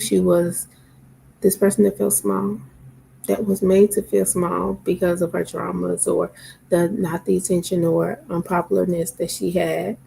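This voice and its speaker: A woman's voice: on the low side, gravelly, mellow, a little hiss or hum, rough recording. A tired, sleepy woman talking casually to camera, rambling with lots of fillers. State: sleepy, yawning.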